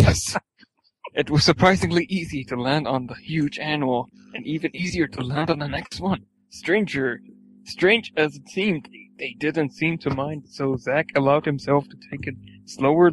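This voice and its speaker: A man's voice: a little high, moderate pace, poor audio. Man stumbling through a comic read-aloud. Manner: stumbling over words, swearing, laughing at the text. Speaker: reader. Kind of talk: comic reading of fan fiction aloud.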